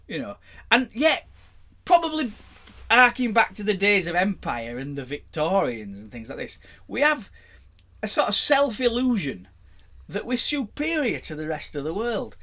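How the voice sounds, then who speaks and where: A man's voice: high-pitched, pushed and bright, breathy edge. A man with a Yorkshire accent, co-hosting a podcast in casual chat and telling pub anecdotes with frequent laughter. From England. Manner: chatty anecdotal storyteller, laughs often. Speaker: podcast co-host.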